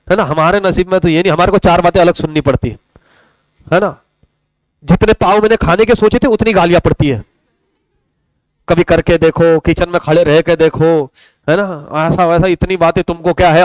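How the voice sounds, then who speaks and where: With a voice on the high side, a young man teaches commerce online in a chatty, joking style and keeps calling his students "beta". The recording is rough, with no room sound.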